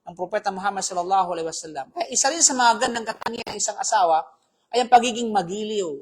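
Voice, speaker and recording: A man's voice: high voice, quick pace, slightly rough. A man giving a live Islamic talk as a preacher, speaking conversationally, often checking with the audience and mixing in English phrases. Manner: conversational, keeps asking "di ba?", mixes in English phrases.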